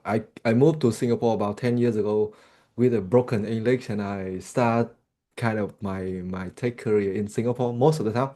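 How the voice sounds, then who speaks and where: A man's voice: fairly low pitch, steady tone, moderate pace, mellow. A man in his thirties from Vietnam with a Vietnamese accent, answering questions as a podcast guest and stopping often to restart his sentences. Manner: hesitant, many restarts and fillers. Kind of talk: casual interview chat.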